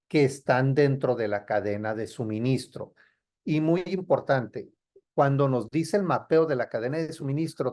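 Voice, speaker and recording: A man's voice: medium pitch, darkish tone. A man, a trade compliance consultant, explaining security rules in a didactic way and checking in with his listeners. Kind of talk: explanatory talk.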